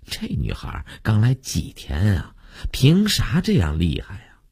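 A man voicing a resentful, sharp-tongued middle-aged female nanny who grumbles indignantly. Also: a bass voice, expressive, unhurried, gravelly, husky, full character voice.

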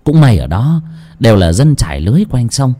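A man's voice: mid-range voice, very animated, a little fast, dark tone, soft background music. A man narrating an audiobook story dramatically.

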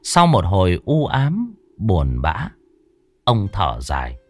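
A male storyteller tells a ghost story with a low voice and a very animated, swooping delivery. The recording is dry and close, with soft music underneath. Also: slow, dry recording. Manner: lively dramatic narration.

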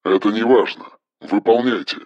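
A man reading an audiobook, voicing a cold, commanding engineer who gives flat, toneless orders over the phone in a metallic voice. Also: lowish voice, normal speed, no echo, lo-fi sound, pitched below the performer's own voice. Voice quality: metallic timbre.

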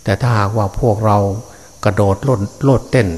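Low-voiced older Thai monk preaching. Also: male voice, a little mellow, husky. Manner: unhurried, fatherly, many hesitant fillers; addresses listeners as his children and grandchildren. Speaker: Buddhist monk. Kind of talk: Dharma sermon.

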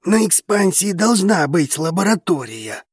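A man voicing a calm, loyal male dragon who speaks slowly and soothingly. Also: high voice, slightly rough, no room sound, clean studio sound, voice pushed up, heavily acted. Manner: slow, soothing, measured.

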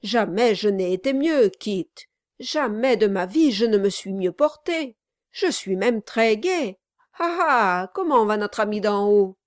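A woman's voice: mid-range voice, expressive, a little slow, a little mellow, no echo, clean studio sound, lightly acted. A woman voicing an oily, scheming middle-aged male lawyer in an audiobook, speaking in a honeyed, falsely cheerful way. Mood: falsely jovial.

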